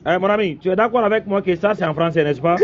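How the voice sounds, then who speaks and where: A man with a high voice argues in a religious debate, repeating words and talking over the other side. The audio is muffled and lo-fi, with loud noise behind him. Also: fast. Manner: repetitive, talks over others.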